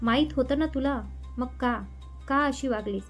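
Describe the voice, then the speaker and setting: A woman storyteller voicing a furious young man who shouts bitter accusations at his former love. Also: high-pitched, moderate pace, soft background music.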